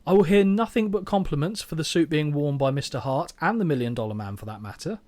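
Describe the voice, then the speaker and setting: A man's voice: on the high side, expressive, fast, darkish tone. A man co-hosting a podcast, talking in a sarcastic, jokey way with plenty of swearing. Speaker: podcast co-host. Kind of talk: casual chat.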